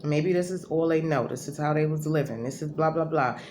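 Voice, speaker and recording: This woman's voice is low-pitched, a little mellow, and quick. She is vlogging at home in a rambling, self-correcting, conversational monologue to the camera, captured on a noisy home recording.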